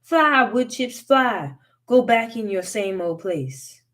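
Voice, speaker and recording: A clever, bold young country boy, as a woman reader plays him in a storybook reading. He hollers high and loud, his voice pushed up. He dares and bargains with a monster and keeps his nerve. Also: measured pace, lightly acted. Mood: hollering. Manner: loud hollering, raised pitch.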